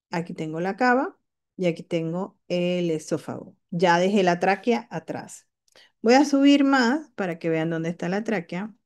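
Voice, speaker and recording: Low, mellow-voiced woman teaching radiology. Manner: explanatory, checks in with frequent rhetorical questions. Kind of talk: lecture walking through CT scans.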